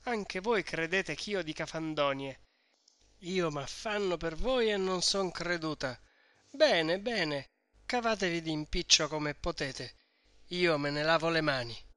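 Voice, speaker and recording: A shrewd, chatty middle-aged mother who lays out her plan with insistence, voiced by a male reader. The voice is bright and forceful, a little on the high side for a man. It sounds close and dry with no room around it. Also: slow pace, dry recording. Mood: offended. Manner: insistent, explaining.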